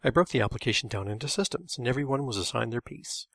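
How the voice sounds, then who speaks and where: A man's voice: mid-range voice, lively intonation, quick pace, gravelly, fairly bright tone, no room sound. A man reading a memoir in a dry, matter-of-fact scripted narration.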